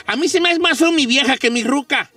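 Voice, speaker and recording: A man hosting a comedy radio show, telling stories and teasing his co-hosts in an animated, playful way. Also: very high voice, a little fast, no room sound, recorded from a distance, soft background music.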